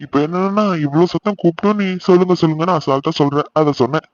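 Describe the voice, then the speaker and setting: A man's voice: fairly high pitch, quick pace, lo-fi sound, a little hiss or hum, close to an everyday voice. A man voicing a teasing young married man who runs an office, bantering and scolding in jest. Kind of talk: cartoon voice acting.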